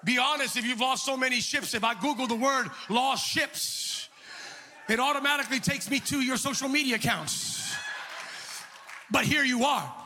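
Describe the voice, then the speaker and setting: A male pastor preaching a sermon, shouting in a sing-song call-and-response style. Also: very high-pitched, moderate pace, slight background noise.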